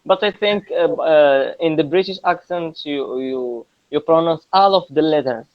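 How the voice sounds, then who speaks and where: Over a dull, lo-fi video call, a Moroccan-accented man in his twenties practises English conversation casually, speaking in halting learner phrases and often repeating words. His voice is on the high side, with no room sound.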